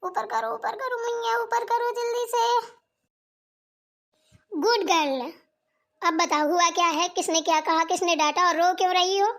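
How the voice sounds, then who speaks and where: A sweet, motherly sister-in-law from a cartoon, played by a woman. She coaxes and soothes in a very high voice, talking as though to a small child. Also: steady tone, moderate pace, fairly bright tone. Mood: coaxing. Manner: coaxing, talks as if to a child. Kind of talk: cartoon voice acting.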